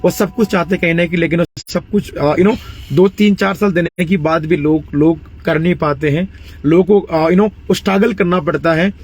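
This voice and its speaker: This Indian man in his late twenties makes a persuasive, motivational network-marketing sales pitch, mixing English phrases into his speech. He leans on fillers like "you know" and clears his throat often, speaking at a moderate pace with fairly even intonation and a slightly mellow quality.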